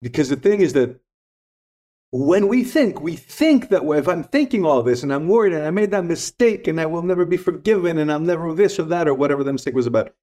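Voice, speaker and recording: This middle-aged man, a native Greek speaker, is a podcast guest who tells stories and reflects in a conversational way. His voice is slightly high and dark in tone, with lively intonation and a somewhat quick pace. He comes across as earnest and emphatic, repeating his key points.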